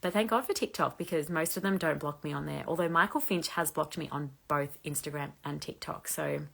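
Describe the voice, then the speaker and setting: A woman in her thirties with a low voice, hosting a casual live chat and reading out viewer questions. She rambles in a friendly way, filling her sentences with "like", and now and then lets out a small laugh. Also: brisk, gravelly, a bit bright. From Australia. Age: 30s. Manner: chatty, frequent "like" fillers, laughs lightly. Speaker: host answering viewer questions.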